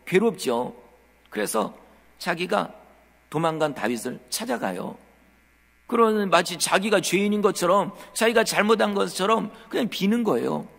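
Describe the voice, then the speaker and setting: A male pastor delivers a lively sermon, his voice swooping up and down as he tells the story. His tone is gravelly and a little husky. The sound carries a long reverb from the church hall. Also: sits high. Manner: animated storytelling, acting out quotes; addresses the congregation directly. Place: church sanctuary.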